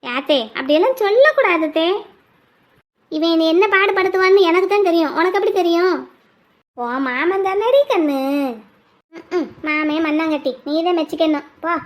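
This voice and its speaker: A woman voicing an old village grandmother, slow and doting yet quick to scold. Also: extremely high pitch, expressive. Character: old village grandmother, fond and sharp-tongued.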